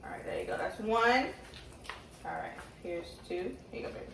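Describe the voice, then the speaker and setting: A woman's voice: mid-range voice, animated, moderate pace, creaky. A woman who talks with braces, giving a casual cooking demonstration and thinking aloud in an informal way. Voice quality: speaking with braces. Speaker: home cooking vlogger. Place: home kitchen. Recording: roomy, distant mic, faint noise.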